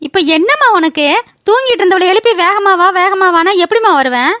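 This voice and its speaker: A woman plays a sulky young village daughter in a cartoon who whines at her mother. The voice sits very high and sounds dry and close. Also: expressive, fairly quick, bright, forceful tone, dry recording, heavily acted. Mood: whiny. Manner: whiny, complaining. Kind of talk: cartoon voice acting.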